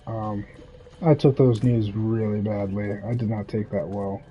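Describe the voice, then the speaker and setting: Game audio plays behind a male streamer, a native English speaker, who rambles casually about his life, laughing and cursing here and there. He has a lowish voice with fairly even intonation and a measured pace. The recording has its highs cut off and slight background noise.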